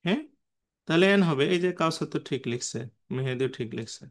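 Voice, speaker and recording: A man's voice: medium pitch, lively intonation, fast. A man teaching an online class, patiently explaining and quizzing students by name. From Bangladesh.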